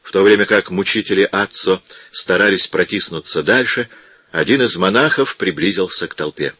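A man narrating a historical novel in a measured, steady reading. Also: deep voice, husky, no echo. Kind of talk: audiobook narration.

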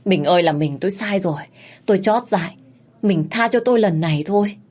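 A woman's voice: medium pitch, brisk, a little mellow, pitched above the performer's own voice, natural voice. A woman voicing a cowardly unfaithful husband who pleads and whines for mercy. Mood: begging. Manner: pleading, whining.

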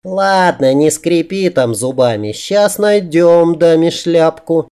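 A man performing a bossy young woman in an audiobook who fusses, scolds and teases. Her voice sits well above a man's usual range. Its tone stays soft and mellow rather than bright. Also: fairly high pitch, takes it slowly, clear, resonant tone, voice pushed up. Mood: teasing. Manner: teasing, fussing, scolding. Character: lively fussy young woman, bossy seamstress helper. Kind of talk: audiobook character voice.

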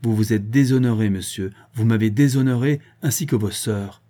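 A man's voice: mid-range voice, moderate pace, dark tone, slightly rough, lightly acted. A man voicing a stern, angry elderly father who gives harsh, commanding orders and raises his voice.

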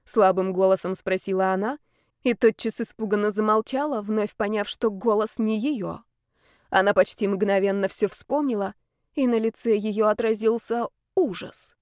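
A woman reading an audiobook in a steady narrating voice. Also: medium pitch, normal speed, dry recording, clean studio sound. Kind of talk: scripted narration.

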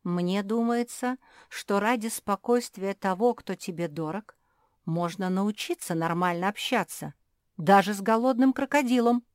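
Calm male pug, reasoning, moralizing, close dry voice, woman reading. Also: mid-range voice, a little slow, clean tone, dry recording, voice pushed up, natural voice.

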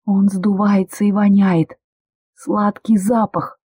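A reader voicing a frightened, stubborn young woman medic in shrill, excited outbursts. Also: slow, breathy edge, dry recording, studio quality. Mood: frantic. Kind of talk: audiobook character voice.

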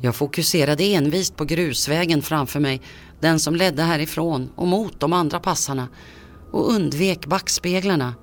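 A man tells a creepy first-person story as scripted narration. His delivery is tense and measured, in a voice that sits a little high for a man.

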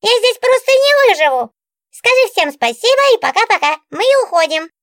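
A woman's voice: extremely high pitch, big pitch swings, normal speed, no echo, clean studio sound, voice pushed up, full character voice. A woman voicing a capricious female talking book, a pouty diva with an affected, whiny way of talking. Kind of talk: audiobook character voice.

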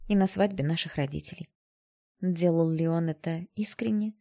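Audiobook narrator: woman, low voice, mellow tone, expressive first-person reading. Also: moderate pace. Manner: expressive, emotional storytelling.

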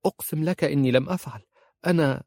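A man's voice: lowish voice, animated, moderate pace, no echo, studio quality. A man voicing a devoted, strong-willed young married woman, speaking in a pleading, emphatic way. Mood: protesting.

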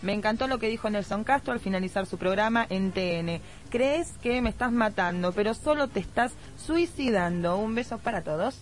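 A woman's voice: medium pitch, moderate pace, few pauses, noisy background. A woman in her twenties with a Rioplatense Argentine accent, chatting and reading messages aloud as a radio co-host. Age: 20s. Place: radio studio.

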